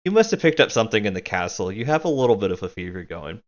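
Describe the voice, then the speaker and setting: A woman's voice: a bass voice, lively intonation, normal speed, fairly bright tone, highs cut off, exaggerated voice. A woman playing a jittery, overworked young ruler. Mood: fussing. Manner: jumpy, apologetic, fussing.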